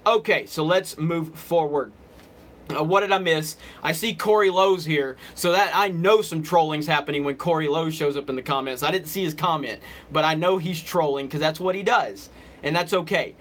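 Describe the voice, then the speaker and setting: A livestream host with a slight Southern accent, from Alabama, chats off the cuff with commenters in a rambling way. His voice is on the high side and fairly bright, moving at a moderate pace.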